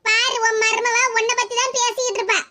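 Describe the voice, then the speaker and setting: A woman's voice: very high-pitched, steady tone, a little fast, crowd noise. A woman voicing a scheming young sister-in-law who tattles and stirs trouble. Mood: taunting. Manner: mocking, tattling.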